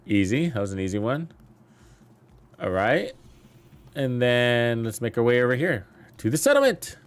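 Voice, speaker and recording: A man's voice: medium pitch, sing-song, normal speed, clear, resonant tone. A man giving casual, chatty commentary while playing a shooter game and talking to his viewers. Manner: chatty, upbeat, talks to viewers. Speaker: gameplay streamer.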